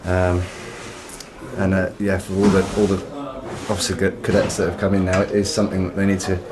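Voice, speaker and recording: Male interviewee, deep even measured tone, crowd noise. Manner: measured, serious.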